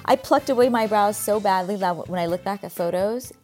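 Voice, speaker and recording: A woman's voice: mid-range voice, fairly quick, a little mellow, faint music behind. A middle-aged woman with a Californian Valley girl accent, chatting casually and emphatically as an interview guest. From California, United States. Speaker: podcast guest, skincare brand founder. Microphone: video call.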